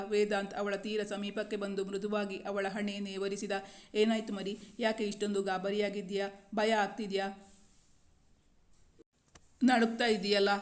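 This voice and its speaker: Woman narrator for romance audiobook, steady read, very flat pitch. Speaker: storyteller. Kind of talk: scripted story narration.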